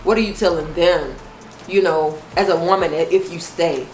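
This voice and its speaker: A woman with an American accent co-hosts a mukbang chat show, talking casually about relationships; she speaks emphatically and keeps checking that the listener is following. Her voice sits on the low side with a darkish tone, fairly even intonation and a normal pace. The recording has a roomy echo and clearly audible background noise.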